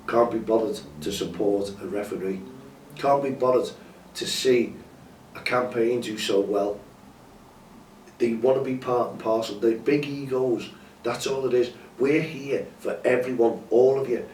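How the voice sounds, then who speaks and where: A man hosts a campaign update, his mid-range voice darkish in tone and thick with a cold and sore throat as he makes an earnest, pleading appeal to camera that often repeats itself. He sounds far from the mic in an echoey space, with faint ambience and a little hiss or hum.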